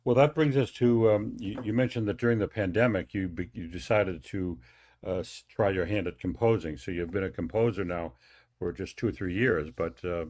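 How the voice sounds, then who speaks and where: Man, radio host, low voice, hesitant, filler sounds, interviewing a guest. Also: normal speed, darkish tone.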